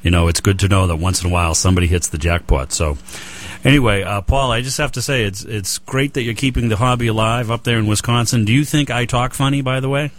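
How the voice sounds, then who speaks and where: Deep-voiced Boston man hosting. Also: steady tone, fast talker. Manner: rambling, many fillers and restarts. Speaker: radio show host. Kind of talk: casual interview chat.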